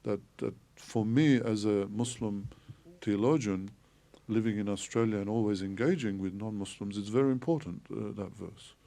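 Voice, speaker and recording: Podcast guest: man from Turkey, theologian, gravelly mellow voice, measured explainer. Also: fairly low pitch. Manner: measured, explanatory, frequent hesitations. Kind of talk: podcast interview.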